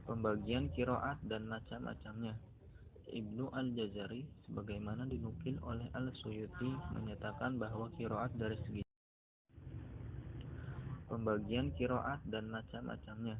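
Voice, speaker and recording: Young male student, gravelly low voice, phone-quality audio with audible background noise. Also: level tone, a little slow. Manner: plain scripted reading. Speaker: university student presenter. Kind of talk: read-aloud lesson narration. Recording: tinny phone-like recording with noise.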